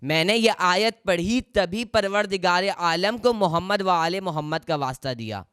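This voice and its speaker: An earnest, devout woman who once was blind, as a male preacher quotes her, in a slow, measured cadence. The voice sits high for a man and rings clear and resonant. The sound is close and dry. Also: lively intonation, a bit bright, no echo.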